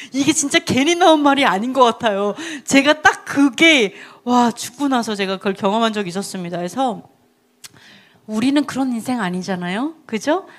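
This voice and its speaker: A woman's voice: fairly high pitch, expressive, moderate pace. A woman preaching a sermon in a chatty storytelling way, laughing often and asking her listeners questions. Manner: asks the audience questions.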